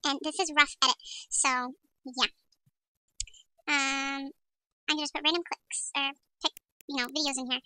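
A woman's voice: high-pitched, fairly even intonation, unhurried, pauses often, sharp tone, dry recording, rough recording. A woman's voice sped up into a chipmunk voice, chatting casually as she walks through a video tutorial and talks to herself while editing. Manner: chatty, rambling, self-talking while editing. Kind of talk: casual screen-recording tutorial.

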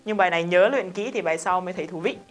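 Strict Vietnamese woman teaching English. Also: fairly low pitch. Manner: brisk and strict, drilling phrases slowly for repetition. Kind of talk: recorded online lesson.

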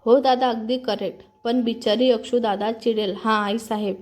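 A woman's voice: fairly high pitch, flat delivery, moderate pace, darkish tone, lightly acted. A woman voicing a cheeky, mischievous college-age sister in a narrated story.

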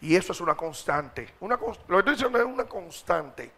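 Gravelly high-voiced preacher. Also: male voice, very animated, a little fast, pushed and bright. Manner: direct, colloquial exhorting to a congregation. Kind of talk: sermon.

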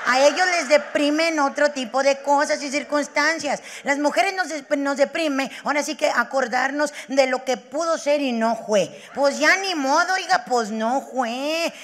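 A woman with a Mexican accent doing stand-up comedy, brash, profane and rapid-fire. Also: high voice, fairly bright tone, in a large hall.

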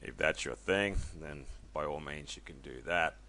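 Low gravelly guy doing a casual software tutorial, rambly with lots of ums. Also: moderate pace. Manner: chatty, loose, with many ums and self-corrections. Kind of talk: casual screen-recorded tutorial.

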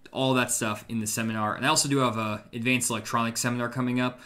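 Young guy hosting a live stream on a video call, upbeat sales pitch, lots of ums and likes. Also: bright, forceful tone. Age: young adult. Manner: enthusiastic promotional pitch with fillers. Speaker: host. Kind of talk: casual live-stream chat. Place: home room.

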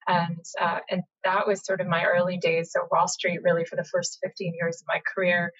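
A middle-aged American woman, a journalist guest, telling her story in a chatty, animated way over a video call from home. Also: fairly low pitch, a little fast, slightly rough. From United States, Boston area. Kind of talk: casual interview conversation. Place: home room, indoors. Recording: slightly dull lo-fi video call audio.

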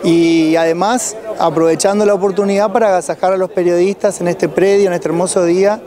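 A man's voice: high voice, steady tone, brisk, a crowd in the background. A middle-aged man with an Argentine accent, answering as an official in an outdoor news interview. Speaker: president of a rural producers' federation, interviewee. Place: outdoors at cattle auction pens. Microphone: handheld reporter's microphone.

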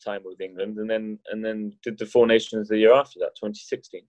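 A man's voice: on the low side, fairly even intonation, fairly quick, darkish tone, no room sound, muffled recording. A man, a wheelchair rugby league player, chatting casually as a guest and telling stories with restarts and jokes. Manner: rambling, many restarts, jokey. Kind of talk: casual chat.

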